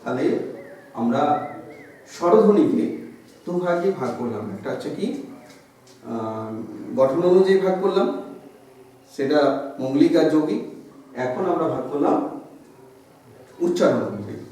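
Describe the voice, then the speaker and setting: A man teaching a grammar lesson, his voice a bit on the high side as he explains patiently and stretches out sounds to show how they work. He is heard from across a strongly echoing room, with faint noise in the background. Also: animated, a little slow, pauses often, dark tone. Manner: explanatory, drawing out sounds to demonstrate. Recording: echoey room from far off.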